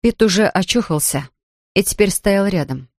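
Measured audiobook narrator, dry sound. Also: medium pitch, lively intonation, dry recording. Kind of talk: scripted narration of a thriller.

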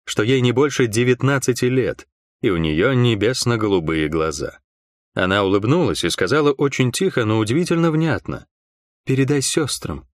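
A man's voice: medium pitch, dry recording. Male audiobook narrator, dry close sound. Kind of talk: scripted narration.

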